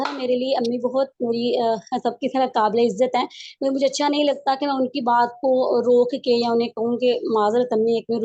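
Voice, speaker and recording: High-voiced woman, mother asking for advice, hesitant, dry lo-fi sound. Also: dark tone. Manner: hesitant, explains with examples. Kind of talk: questions in an advice session.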